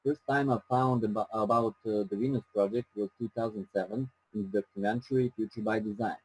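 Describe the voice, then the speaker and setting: A man from Serbia with a Serbian accent, giving a careful presentation with frequent pauses. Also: on the low side, fairly even intonation, breathy edge, dry recording, rough recording. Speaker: activist presenter.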